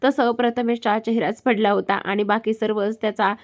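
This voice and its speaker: A woman narrating a romantic family story in a calm, even storytelling manner. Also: on the high side, moderate pace.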